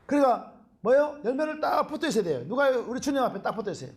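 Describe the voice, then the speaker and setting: A middle-aged Korean pastor, preaching a sermon in an animated way and often calling out hallelujah. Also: male voice, very high-pitched, fast talker.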